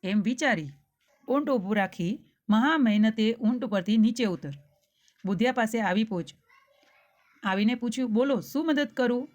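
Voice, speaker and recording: A woman's voice: fairly high pitch, normal speed, long pauses, lo-fi sound. A woman telling a children's story, speaking directly to young listeners and asking them questions.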